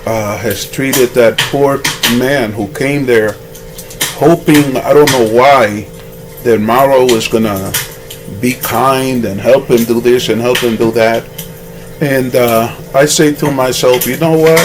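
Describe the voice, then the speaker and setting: A man's voice: medium pitch, fairly even intonation, slow pace, background noise. A man giving rambling, moralizing commentary on a vlog and telling a fable, often restarting his sentences. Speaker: vlogger.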